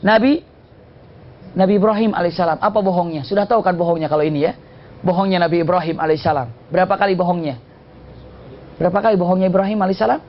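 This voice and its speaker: A man's voice: high-pitched, fairly even intonation, quick pace, pauses often. A man preaching a sermon and telling stories, who often asks questions and answers them himself. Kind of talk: Islamic sermon with storytelling. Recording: dull lo-fi recording.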